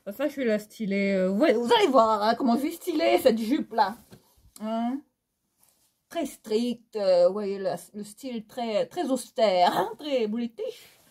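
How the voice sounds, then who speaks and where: A woman's voice: fairly high pitch, animated, unhurried, a little mellow. A woman with a Réunionese French accent chatting casually in a fashion haul vlog, theatrical and full of laughs and fillers. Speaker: fashion vlogger. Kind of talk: casual haul chat to viewers.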